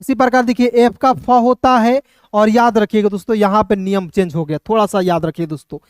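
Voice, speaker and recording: This high-pitched man speaks with a steady, smooth voice, and the studio recording is clean with no echo. Teaching English spelling in Hindi phonics, he goes slowly letter by letter, repeats "doston," and frequently checks that his friends are following.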